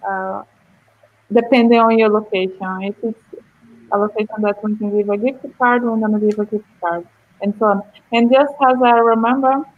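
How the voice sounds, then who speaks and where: A woman's voice: fairly high pitch, muffled recording. A woman from Brazil co-hosting an online meetup, chatty and laughing easily. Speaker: event co-host.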